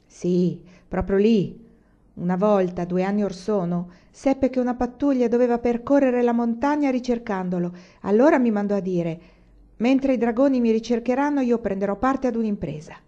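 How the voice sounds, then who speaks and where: A woman reading the part of a poor, proud widow of a bandit, who tells her story in a low, confiding tone. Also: steady tone, normal speed, mellow, highs cut off, lightly acted. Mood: brooding.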